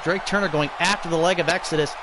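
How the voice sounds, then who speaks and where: Excitable male streamer clearing his throat. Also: on the high side, fast talker, very noisy. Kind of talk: casual game-stream commentary.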